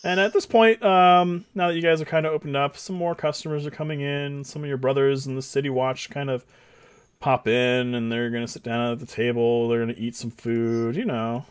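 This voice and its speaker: A man's voice: mid-range voice, little pitch movement, brisk, smooth, no echo. A man narrating as dungeon master in a casual, chatty way. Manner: casual, chatty, lots of fillers and laughs. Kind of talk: narrating a tabletop game.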